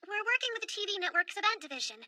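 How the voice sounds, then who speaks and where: A woman's voice: very high-pitched, sing-song, rapid-fire, pushed and bright, no echo, heavily acted. A woman voicing an earnest, eager young woman in an overacted anime dub, emphatic and polite like someone making a plea. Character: earnest, eager young woman leading small-town tourism revival.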